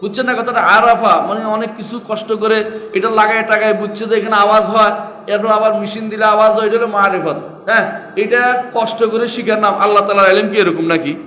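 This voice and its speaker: High bright-voiced male teacher, echoey hall. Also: steady tone, a little fast. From Bangladesh. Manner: asks the listeners rhetorical questions, repeats key phrases. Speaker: Islamic teacher. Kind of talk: religious lecture. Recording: echoey hall with long reverb.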